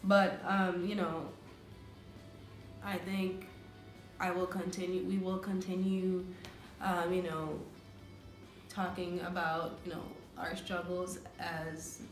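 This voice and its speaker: A woman from the Caribbean speaks in an earnest, halting way, circling her points with fillers. Her voice sits a little low. The room is echoey, with faint music playing behind her. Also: little pitch movement. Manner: earnest, hesitant, many fillers. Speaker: vlogger, co-host of a couple's channel. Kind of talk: casual chat.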